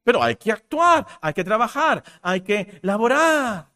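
A man's voice: high voice, sing-song, unhurried, sharp tone. A man preaching a sermon with passion, repeating short phrases to drive points home.

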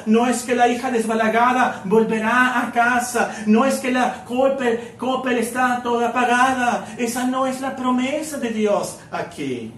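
Slow, high-voiced man preaching in a hall. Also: far from the mic, slight background noise. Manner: many fillers, asks the congregation questions. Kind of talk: sermon.

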